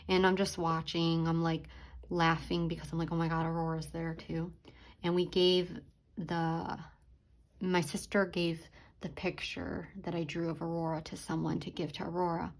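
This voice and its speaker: A young woman telling a story while she draws, speaking softly and hesitantly, with many fillers and restarts. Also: lowish voice. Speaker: art vlogger. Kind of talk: casual storytime while drawing. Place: at home drawing.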